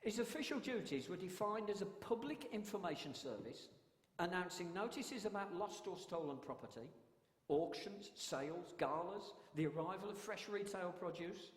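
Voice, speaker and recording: A man who works as a town crier, giving a public history talk with measured, emphatic oratory. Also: high voice, lively intonation. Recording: echoey hall with long reverb.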